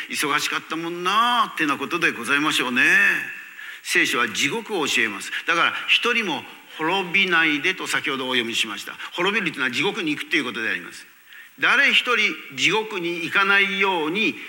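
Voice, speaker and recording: A male pastor delivers a sermon with a sharp, bright and fairly high voice. He preaches emphatically, swinging from loud peaks to quiet asides. His voice hangs in the long reverb of a church hall.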